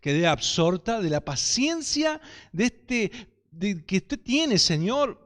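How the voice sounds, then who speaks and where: An effusive, amazed woman shopper, as a preacher puts her on, gushing praise over and over. The voice stays high and smooth. A long hall reverb trails every phrase. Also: big pitch swings, slow, a bit bright, full character voice. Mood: admiring.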